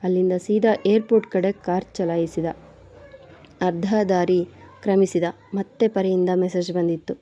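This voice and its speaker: A woman storyteller reading a romance serial aloud in a steady, expressive way. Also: on the low side, moderate pace. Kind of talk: scripted story narration. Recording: dull, dry, lo-fi recording.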